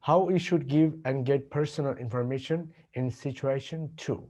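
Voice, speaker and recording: A man with a Bangladeshi accent teaching English, slowly repeating example questions and answers. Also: medium pitch, fairly even intonation, darkish tone. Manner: slow, deliberate repetition of example sentences. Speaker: English tutor. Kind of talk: language lesson with model dialogues.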